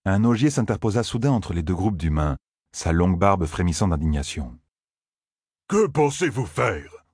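Deep, husky male audiobook narrator. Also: fairly quick, darkish tone, dry recording, clean studio sound.

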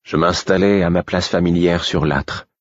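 A man with a very deep, husky voice narrates a fantasy audiobook at a measured pace. The recording is dry and close, with a dull, muffled sound. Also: dry recording. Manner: measured storytelling. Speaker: audiobook reader.

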